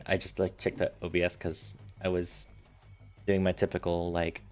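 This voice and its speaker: A man's voice: low-pitched, little pitch movement, moderate pace, faint music behind. A man streaming while building a game, casually thinking aloud and muttering settings as he tinkers.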